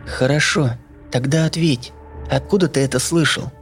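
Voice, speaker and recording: A man's voice: medium pitch, steady tone, moderate pace, a bit bright, faint music behind, voice pushed up, close to an everyday voice. A man voicing a blunt, determined young woman who presses with direct questions. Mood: pressing.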